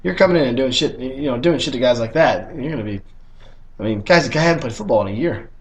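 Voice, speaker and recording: A man's voice: mid-range voice, lively intonation, fast. A young man hosting a casual sports podcast, blunt and teasing, swearing freely as he talks. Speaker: podcast host.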